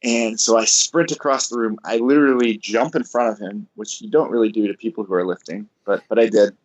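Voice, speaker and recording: Laughing, animated man telling stories. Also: on the low side, a little fast, muffled recording. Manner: animated, laughs often, acts out voices in anecdotes. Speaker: coach, podcast guest. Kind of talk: casual interview storytelling.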